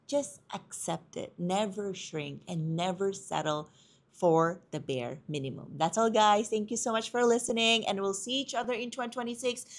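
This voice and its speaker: A woman hosting her podcast, chatty and animated, switching between Tagalog and English as she tells stories. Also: medium pitch, a little slow. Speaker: podcast host. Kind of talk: casual podcast monologue.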